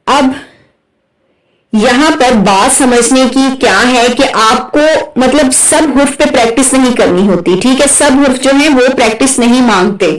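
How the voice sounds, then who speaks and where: Woman recitation teacher, patient, keeps checking "right?", stretches sounds slowly; echoey, off-mic. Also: sits high. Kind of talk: Urdu tajweed lesson, explaining and modelling letter sounds. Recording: echoey room, voice from a distance.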